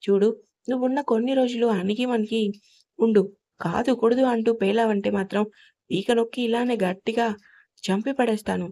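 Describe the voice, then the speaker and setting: A woman's voice: fairly high pitch, steady tone, normal speed, pauses often, mellow. A woman voicing a hot-tempered young husband in an audio story, speaking harshly and threateningly. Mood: angry.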